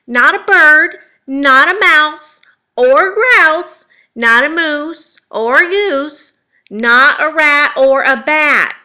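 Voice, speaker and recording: Scolding storybook mama cat, played by a woman: high, piercing, slow and emphatic. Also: lively intonation, sharp tone, full character voice. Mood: stern lecturing. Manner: emphatic, drawn-out lecturing. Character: scolding, exasperated mother Siamese cat. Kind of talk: children's storybook character voice.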